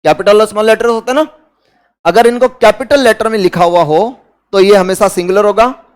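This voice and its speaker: High-voiced Indian man teaching grammar. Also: moderate pace, smooth. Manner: asks students questions and answers them himself, repeats key words. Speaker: English teacher. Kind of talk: classroom grammar lecture.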